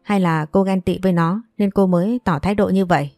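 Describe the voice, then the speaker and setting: A woman's voice: on the low side, steady tone, a little fast, dry recording, studio quality, faint music behind, natural voice. A woman voicing a scornful, nagging older mother-in-law who complains theatrically. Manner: sharp and wailing, theatrical complaints.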